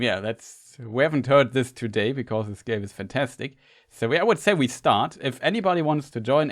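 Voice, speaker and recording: A man, an English speaker, chatting casually with viewers while live-streaming a game, rambling and restarting his sentences. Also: mid-range voice.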